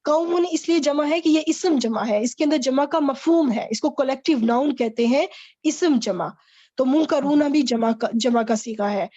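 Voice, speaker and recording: A woman's voice: high voice, mellow, lo-fi sound. A woman teaching an online Arabic grammar lesson, quizzing a student and explaining patiently.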